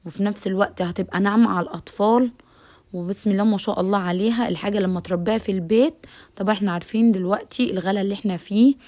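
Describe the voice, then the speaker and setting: A woman's voice: medium pitch, a little mellow. A woman with an Egyptian Arabic accent hosting a home cooking tutorial, chatty and addressing viewers directly, often saying "okay". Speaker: cooking channel host.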